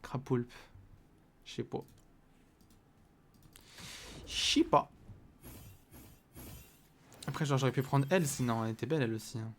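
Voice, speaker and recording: A man streaming himself playing a video game, excitable and swinging from loud exclamations to muttering. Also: mid-range voice, measured pace, pauses often, a little hiss or hum. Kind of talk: live gameplay commentary.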